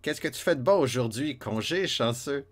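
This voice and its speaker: A man with a Québécois French accent is live-streaming a retro game, counting his steps under his breath and chatting with viewers. His mid-range voice is expressive and moves at a normal speed.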